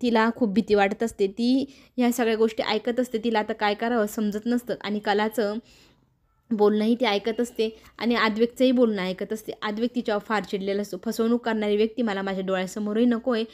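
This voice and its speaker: A woman's voice: on the high side, steady tone, fairly quick, darkish tone. A woman narrating a recap of a TV serial episode, retelling each scene and reading the characters' lines in her own voice.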